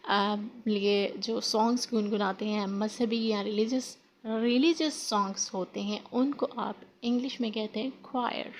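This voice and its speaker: A woman teaching a spoken English lesson in Hindi, drawing out example phrases slowly and often correcting herself. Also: on the high side, a little hiss or hum. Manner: slow drawn-out example phrases, frequent self-corrections.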